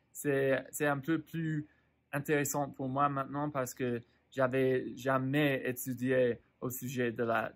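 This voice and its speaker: A man learning French explains his reasons in a monologue, halting often and repeating words as he searches for them. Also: mid-range voice, fairly bright tone. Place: lives in the United States.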